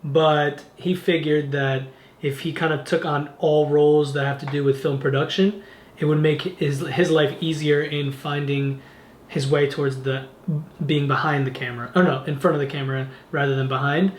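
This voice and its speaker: A man's voice: on the high side, fairly even intonation, moderate pace, a little hiss or hum. A man in his twenties hosting a podcast, joking around and swearing casually as he chats. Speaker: podcast host. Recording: echoey room.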